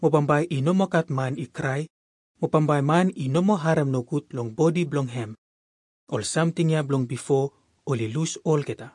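A man's voice: a little high, moderate pace, a little mellow, dry recording, studio quality. A man with a Melanesian Pidgin accent, reading Bible verses aloud as a scripture reader.

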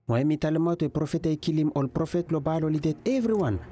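A man's voice: on the high side, fast, dark tone. A man with a Vanuatu Melanesian pidgin accent, narrating a scripted Bible story. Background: music.

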